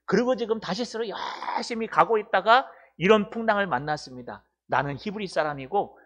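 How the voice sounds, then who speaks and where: A sheepish grown man confesses and explains why he fled, as a preacher puts him on. The voice stays close to the speaker's own and slightly high. He talks in a plain, confiding way. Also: a little fast, a bit bright, highs cut off. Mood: sheepish confession.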